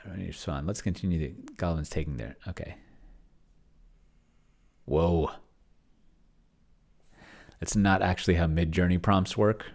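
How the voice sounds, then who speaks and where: This middle-aged man's voice sits low, creaky and slightly mellow. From a small indoor room at home, the streamer and solo role-player thinks aloud on his live stream, muttering in fragments as his keyboard clacks.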